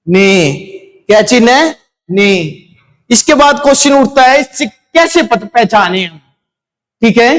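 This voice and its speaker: A man teaching a Hindi grammar lesson, asking questions and answering them himself, repeating key words for his students. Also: extremely high pitch.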